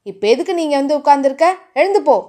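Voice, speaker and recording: Woman doing a gruff, short-tempered young hero. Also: sits high, big pitch swings, normal speed, darkish tone. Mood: angry. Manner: brusque and scolding.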